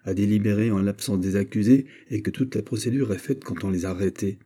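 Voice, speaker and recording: A man's voice: on the low side, steady tone, quick pace, dark tone, close to an everyday voice. A man playing a grave, loyal confidant. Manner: grave, urgent warnings. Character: loyal anxious male confidant, grave and urgent. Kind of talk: audiobook character reading.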